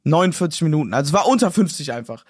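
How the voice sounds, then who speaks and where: A young man co-hosting a podcast in casual chat, slangy and excitable, acting out quotes. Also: a little high, very fast, no echo, clean studio sound. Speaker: podcast co-host.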